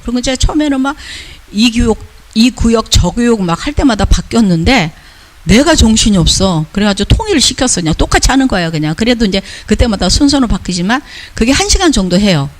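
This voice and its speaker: An older man, a missionary, giving a casual, lively report and mimicking the people he talks about. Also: sits high, fast. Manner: lively storytelling, mimics others' talk. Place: church lecture hall.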